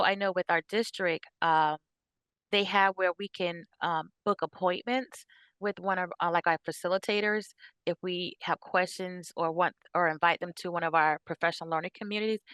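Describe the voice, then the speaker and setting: A woman's voice: on the low side, steady tone, normal speed, fairly bright tone, smooth, no echo. A woman teacher on a panel, friendly and tentative as she offers suggestions over a video call. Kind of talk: panel discussion.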